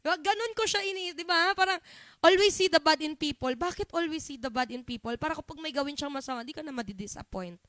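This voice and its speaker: A woman's voice: high-pitched, lively intonation, fast talker, hardly any pauses, sharp tone, no room sound. A woman preacher with a Filipino accent, teaching a church group and often checking in with the listeners. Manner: Taglish, often asks "di ba?" and "Amen?".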